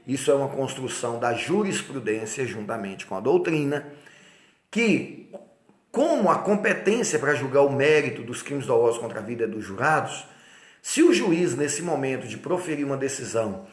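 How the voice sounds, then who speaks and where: A man's voice: mid-range voice, echoey room. A man with a Brazilian Portuguese accent giving an exam-prep law lecture, stressing key points and checking in with rhetorical questions. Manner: emphatic, repeats key points, asks rhetorical check-ins.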